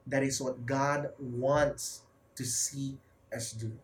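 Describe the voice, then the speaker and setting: A preacher with a Filipino accent giving an emphatic sermon, repeating key phrases and swinging between loud, fervent lines and quiet ones. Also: medium pitch, steady tone, slow pace, a little hiss or hum.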